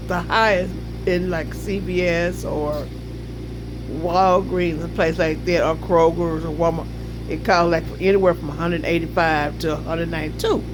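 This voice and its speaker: A man talks casually as a vlogger recovering from tonsil surgery. His voice sits somewhat high, and he repeats phrases to drive points home. A clear background hum runs under the recording. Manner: emphatic, repeats phrases for emphasis. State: recovering on the second day after tonsil surgery. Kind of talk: casual personal storytelling to camera.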